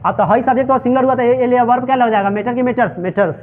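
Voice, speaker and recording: High-voiced man teaching, tinny sound. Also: racing. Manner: drills students with repeated questions; mixes Hindi and English. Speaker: English teacher. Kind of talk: classroom translation lesson.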